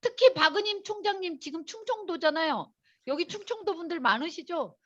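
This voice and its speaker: In a motivational seminar, a woman tells stories to her audience in a chatty, animated way, addressing them directly. Her high voice swoops up and down at a fairly quick pace, captured on a dull, lo-fi recording.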